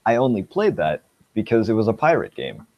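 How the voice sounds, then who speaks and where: A man's voice: on the low side, wildly swooping pitch, a little fast, dry recording. A man in casual gaming chat, laid-back with dry remarks. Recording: dull dry lo-fi mic.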